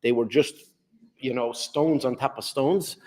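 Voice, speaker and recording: A man's voice: medium pitch, measured pace, darkish tone. Rambling male rabbi lecturer. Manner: repetitive, rambling, asks rhetorical questions. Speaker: rabbi teaching Talmud. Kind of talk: explanatory lecture.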